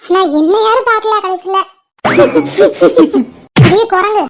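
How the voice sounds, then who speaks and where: A woman's voice: extremely high pitch, a little slow, fairly bright tone, slight background noise. A woman voicing a lonely young woman in a cartoon who sulks and grumbles because her lover is far away. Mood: grumbling. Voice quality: whiny and grumbling. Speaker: friend on an outing. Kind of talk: animated cartoon voice acting.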